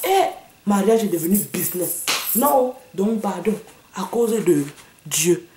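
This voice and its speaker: A woman's voice: medium pitch, expressive, unhurried, background noise. A woman delivering a sassy, mocking comic rant to the camera, slipping into English and slang. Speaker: comedian vlogger. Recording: echoey room, a bit far from the mic.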